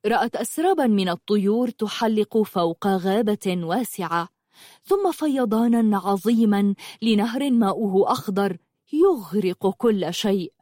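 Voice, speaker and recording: A woman narrating a fantasy story in an expressive reading style. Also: medium pitch, moderate pace, no echo, studio quality.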